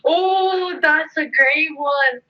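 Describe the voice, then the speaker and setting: A woman's voice: high-pitched, drawn-out words. A woman, an English teacher, chatting in an interview, bubbly and laughing often. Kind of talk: casual interview chat. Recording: dull lo-fi sound.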